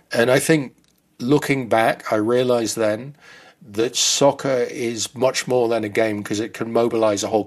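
A man in his fifties who grew up in the Netherlands, explaining his views in a thoughtful way as an interview guest. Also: mid-range voice. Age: 50s.

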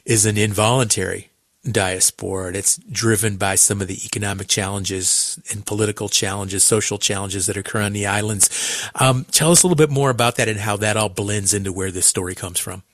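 A man interviews an author in a fairly low voice. He builds his questions haltingly, repeating words as he goes. The recording is dry and close. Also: steady tone, fairly bright tone, no room sound. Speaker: interviewer, host.

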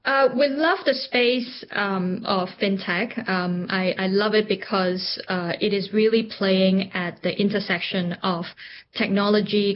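A woman's voice: mid-range voice, muffled recording. A middle-aged woman from Hong Kong, an entrepreneur guest in an interview, speaking thoughtfully with frequent ums and restarts. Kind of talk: reflective interview conversation.

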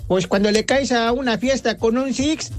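Brief: male caller, very high pitch, slow joking drawl, faint music. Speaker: listener calling a radio show.

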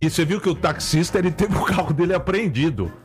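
A man's voice: high voice, lively intonation, quick pace, soft background music. Wry, teasing man co-host. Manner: wry, teasing, repeats tag questions. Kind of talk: casual news chat.

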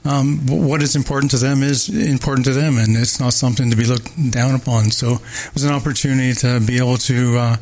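Older man with halting, filler-heavy answers. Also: medium pitch, steady tone, a little mellow. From Barbados. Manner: hesitant, many fillers and restarts. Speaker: mayoral candidate. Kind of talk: interview answers.

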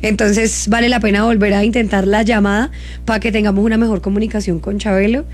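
Hosting live radio, a woman from Cali with a Colombian accent chats casually and quickly in a mid-range, flat voice. Music plays behind her.

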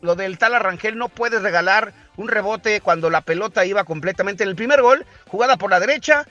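A man's voice: high-pitched, brisk, bright, forceful tone, muffled recording, faint music behind. A man with a Mexican accent hosting a sports talk show, bantering with jokey wordplay.

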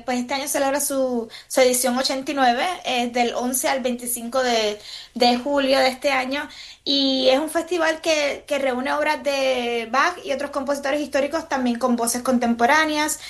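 A woman's voice: high-pitched, fairly even intonation, normal speed. A woman from Puerto Rico with a Puerto Rican Spanish accent, a guest composer in a radio interview, thoughtful with many fillers and restarts.

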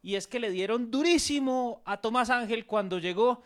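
Man, Colombian accent, sports reporter, very high voice, emphatic, repeats points. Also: moderate pace, fairly bright tone. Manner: emphatic, repetitive, opinionated. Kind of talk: match report.

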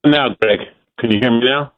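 A man calling in to a radio talk show, telling a rambling story in halting bits while his phone line keeps breaking up. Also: mid-range voice, no room sound. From New York. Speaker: caller. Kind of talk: radio call-in chat. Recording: tinny, cutting-out phone call.

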